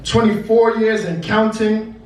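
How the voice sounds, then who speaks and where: A man's voice: high-pitched, fairly even intonation, measured pace, darkish tone. Echoey young man reading poetry aloud. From Brooklyn, New York. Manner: rhymed, cadenced, emphatic delivery. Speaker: spoken word poet. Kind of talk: poetry reading, rhythmic spoken word performance. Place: indoor cafe stage before an audience. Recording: echoey live venue, distant mic, faint noise.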